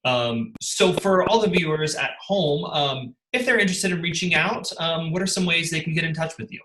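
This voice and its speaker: A man hosting an interview for a theater, asking halting questions full of fillers. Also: a little high, pushed and bright, roomy sound, poor audio. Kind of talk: casual interview.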